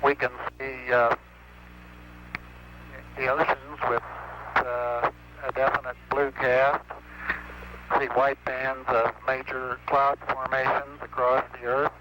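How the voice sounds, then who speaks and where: A man, an astronaut, gives a halting technical report over a breaking-up radio link from space, pausing on many uhs. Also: mid-range voice, level tone. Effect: crackling, breaking-up radio link from space. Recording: noisy distant archival radio transmission.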